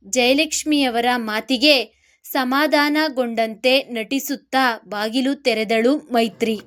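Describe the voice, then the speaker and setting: A woman narrating a serialized story, reading steadily with expression. Her voice sits high.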